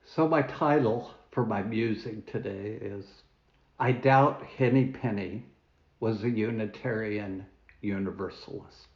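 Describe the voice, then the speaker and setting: Man, New Zealand accent, minister preaching, gravelly, echoey church, muffled recording. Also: fairly low pitch. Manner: measured, storytelling delivery with dramatic pauses. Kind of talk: sermon. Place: church hall. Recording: roomy, dull church recording.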